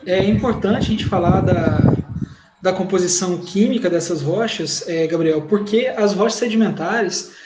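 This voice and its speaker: Give me a high-voiced Brazilian man teaching an online class. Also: normal speed. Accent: Brazilian Portuguese. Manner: informal, checks in with students. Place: home, video call. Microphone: computer mic on video call. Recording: echoey room, noisy call audio.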